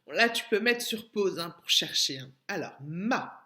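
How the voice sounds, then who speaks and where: A French woman teaching young children in a recorded lesson, speaking gently and stretching out syllables. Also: lowish voice, expressive. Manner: slow, gentle, drawn-out syllables for small children. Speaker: preschool teacher. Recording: echoey room.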